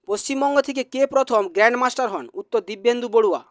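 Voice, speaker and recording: Male teacher, high-pitched, brisk repetitive question-and-answer drill, dry close-miked sound. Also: a bit bright, no room sound. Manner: brisk, repetitive quiz reading.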